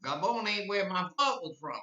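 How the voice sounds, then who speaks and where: On a dull, lo-fi recording from an echoey room, with him far from the mic, an eighty-something podcast host rambles through a live-stream monologue, repeating himself and getting impassioned. His voice is somewhat high, very bright and cutting, brisk with lively intonation.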